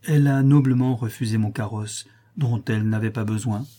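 A man's voice: on the low side, fairly even intonation, a little fast, warm tone, lightly acted. A man reading aloud, voicing a worldly society lady who lectures her friend in an affected manner. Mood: dry.

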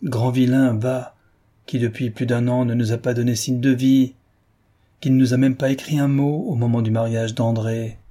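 A man's voice: medium pitch, flat delivery, normal speed, mellow, lightly acted. A man voicing an effusive, petulant middle-aged mother who scolds fondly in a chattering way, in a novel reading. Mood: scolding.

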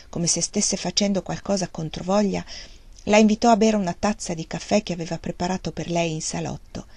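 A woman reading a classic novel aloud as an audiobook narrator, calm and measured. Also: on the low side, no room sound. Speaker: audiobook reader.

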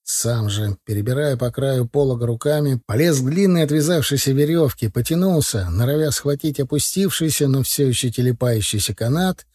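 Give me a man reading first-person narration with a mellow, slightly husky voice. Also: mid-range voice, fairly quick, few pauses, no room sound, studio quality. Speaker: audiobook narrator.

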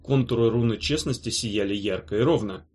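A man reading an audiobook in a calm, even narration. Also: mid-range voice, slightly rough. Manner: calm, even reading; measured commands as the guardian. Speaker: audiobook reader. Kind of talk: scripted narration.

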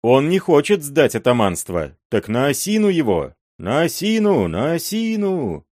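A man voicing a drunken mob of robbers, shouting raucously in a raised voice. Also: fairly high pitch, wildly swooping pitch, unhurried, no echo, studio quality, pitched above the performer's own voice. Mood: rowdy shouting.

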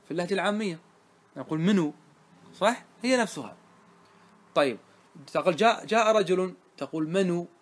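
A man leads a grammar lesson. His voice sits slightly high. He keeps quizzing the room, echoing each answer before moving on. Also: expressive, fairly quick, pauses often. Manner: quizzing students with repeated questions. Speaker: teacher of Arabic grammar. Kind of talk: classroom lesson.

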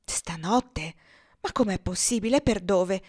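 Storybook figure: compassionate, prudent wife, read by a woman, gentle and soothing. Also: mid-range voice, slow.

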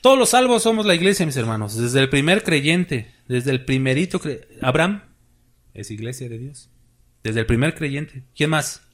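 A man's voice: mid-range voice, lively intonation, normal speed. A man preaching a sermon as pastor, with emphatic rises and drops, asking the congregation questions.

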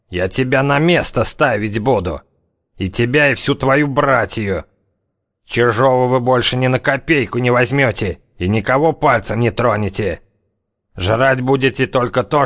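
A man voicing a cocky, menacing gangster who threatens in slow, drawling criminal slang. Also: mid-range voice, a bit bright, voice pushed up. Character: tough one-eyed-gouging gangster, cocky, menacing.

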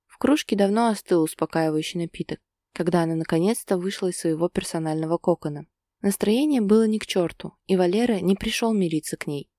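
A woman narrating a romance story in steady, scripted audiobook style. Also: lowish voice, no echo, clean studio sound.

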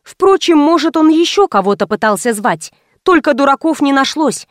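Woman audiobook narrator, first-person, wry, slightly high voice, dead-dry booth. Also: animated, normal speed, no echo. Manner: wry, ironic storytelling. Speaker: audiobook reader.

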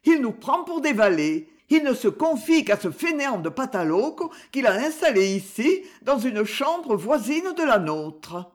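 A man's voice: very high-pitched, very animated, measured pace, hardly any pauses, pitched above the performer's own voice, exaggerated voice. A man doing a pleading, frightened young woman. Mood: resentful. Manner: pleading, fearful. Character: anxious pleading young woman, a niece and wife.

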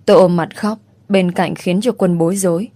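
A woman's voice: on the low side, steady tone, normal speed. A woman reading a first-person story aloud in an emotional, dramatic manner. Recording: soft music underneath.

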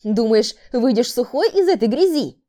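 A woman's voice: fairly high pitch, big pitch swings, moderate pace, mellow, voice pushed up. A woman voicing a brutal male killer in an audiobook, harsh and barking insults at his sister. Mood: angry. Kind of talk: audiobook character voice.

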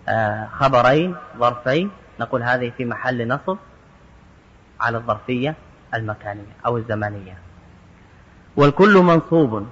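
A man at a middle pitch explains grammar with patient, methodical care, quoting an example and then breaking it down word by word. His voice carries a long hall reverb, and the recording sounds dull and lo-fi. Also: fairly bright tone. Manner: methodical, quotes verse examples then parses each word. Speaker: Arabic grammar teacher. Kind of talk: explaining a grammar text line by line.

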